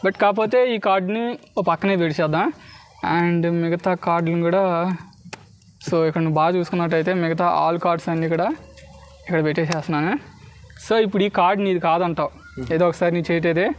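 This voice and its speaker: A man with a Telugu accent doing loud, bantering street magic patter for spectators, dropping in English words. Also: high voice, fairly even intonation, a little fast. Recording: clearly noisy on-location recording.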